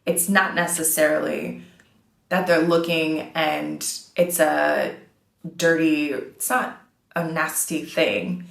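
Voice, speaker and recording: A low-pitched woman in her thirties speaks straight to her viewers, earnest and encouraging, stressing the words that matter. Her voice rings in a roomy, echoing space. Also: fairly even intonation, slow, gravelly. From United States. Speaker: vlogger. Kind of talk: casual talk to camera.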